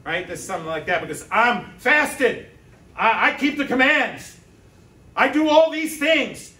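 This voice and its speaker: A man with a high, bright, ringing voice preaches to his congregation, tossing in asides and "right?" check-ins. He stands back from the mic, so his voice carries a roomy church echo. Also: animated, measured pace. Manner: conversational preaching with rhetorical asides. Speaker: pastor. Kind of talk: sermon. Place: church sanctuary. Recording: echoey church sanctuary from a distance.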